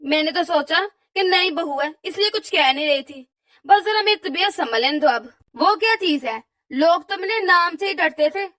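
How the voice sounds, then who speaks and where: A woman voicing a nagging older mother-in-law in a cartoon, scolding her daughter-in-law with shrill, drawn-out wails. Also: lively intonation, pushed and bright, no room sound, full character voice. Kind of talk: cartoon voice acting.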